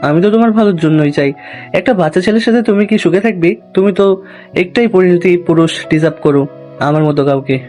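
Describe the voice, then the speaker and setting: A woman's voice: on the low side, fast talker, dark tone, faint music behind, pitched below the performer's own voice, lightly acted. A woman voicing a smug, flirtatious male office colleague who teases and sneers. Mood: sneering. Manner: teasing, sneering, mocking. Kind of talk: audio drama acting.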